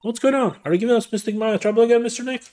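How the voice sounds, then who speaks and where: A man voicing a sweet, shy little girl who talks softly and politely. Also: very high-pitched, rapid-fire, voice pushed up.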